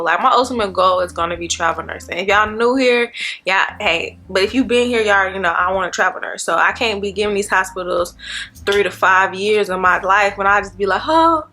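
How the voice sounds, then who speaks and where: A nursing student in her twenties vlogs straight to her viewers in a mid-range voice with a sharp tone. Her casual chat to camera is chatty and rambling.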